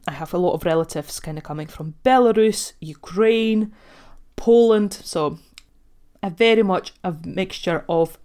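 Gentle reflective woman podcast host. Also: on the low side. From Latvia. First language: Russian. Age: 30s. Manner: gentle, reflective, laughs lightly often. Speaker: podcast host and life coach. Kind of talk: solo podcast monologue.

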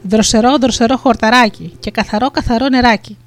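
A storyteller voicing a meek, helpful deer in a folktale, speaking softly and simply. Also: medium pitch, steady tone, natural voice. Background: faint music.

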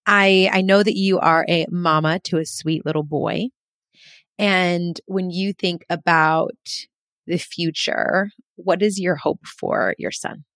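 A woman's voice: on the low side, fairly even intonation, slow, a bit bright, no room sound, studio quality. A woman hosting a podcast interview, effusive and affirming as she reacts and asks her questions. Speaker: podcast host.

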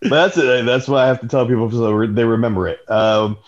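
A man's voice: mid-range voice, fast talker. A man chatting on a podcast in a laid-back way, full of fillers like "like" and "uh.". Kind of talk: casual podcast chat. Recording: dull lo-fi sound.

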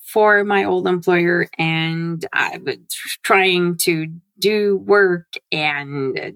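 Guest: woman, lively and laugh-prone, slight vocal fry, dry close sound. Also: fairly low pitch, no room sound. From Norway. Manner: animated, laughs often, quick bursts. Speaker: guest, CRM consultant. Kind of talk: casual interview chat. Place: home.

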